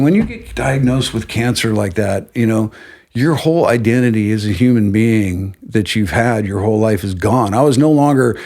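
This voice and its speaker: A middle-aged man, a guest on an interview podcast, telling a personal story in a casual, animated way and acting out what others said. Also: medium pitch, creaky. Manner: animated, acts out quotes of others.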